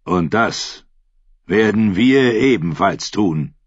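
A man's voice: fairly low pitch, lively intonation, husky, no echo, dull audio, heavily acted. A man doing a menacing pirate king. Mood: commanding. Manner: slow, commanding.

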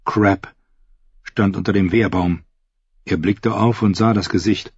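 A man reading a fantasy audiobook in a steady, measured narration. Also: on the low side, breathy edge, dry recording. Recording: dull, lo-fi and dry.

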